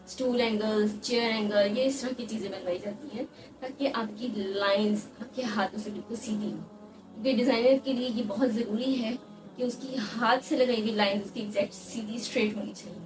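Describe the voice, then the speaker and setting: A young woman with a higher voice gives earnest advice to students in a casual vlog, mixing English words into her talk. She sounds a little distant from the mic. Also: noisy background. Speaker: fashion design student giving advice.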